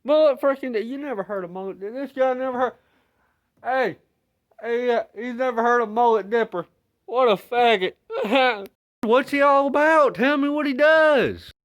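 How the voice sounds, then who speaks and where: Man voicing an incredulous hyped-up bro in a vlog skit: raised pitch, loud, slangy, crude. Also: moderate pace. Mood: excited, mocking. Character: excitable crude male buddy hyping a YouTuber.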